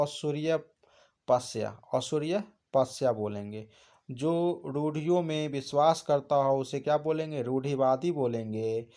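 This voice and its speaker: A man's voice: mid-range voice, darkish tone. A man teaching an exam prep lesson, asking questions and answering them himself. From India.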